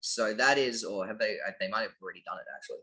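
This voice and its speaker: A man's voice: fairly low pitch, rapid-fire, bright, forceful tone, rough recording. An Australian man talking casually as an interview guest, his phrases often rising in upward inflection at the ends. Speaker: interview guest, finance project lead.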